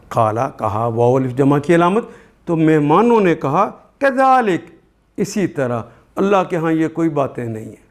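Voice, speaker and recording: An older man with a Pakistani Urdu accent, teaching a Quran translation lesson, explaining each word slowly and repeating terms. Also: medium pitch.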